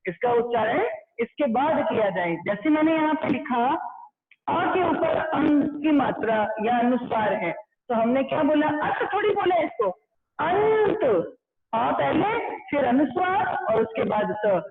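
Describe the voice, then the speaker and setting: Slow high-voiced woman teacher, tinny. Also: animated. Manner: slow, repeating explanations, addressing students as beta. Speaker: school teacher. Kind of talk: online grammar lesson. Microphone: blackboard class recorded. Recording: tinny phone-like sound with crowd noise.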